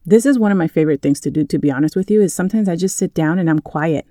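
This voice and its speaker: Calm, low-voiced woman podcast host. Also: racing, no room sound, studio quality. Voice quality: calm, soothing voice. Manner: chatty, addresses listeners directly. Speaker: podcast host and wellness coach. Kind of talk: motivational podcast monologue.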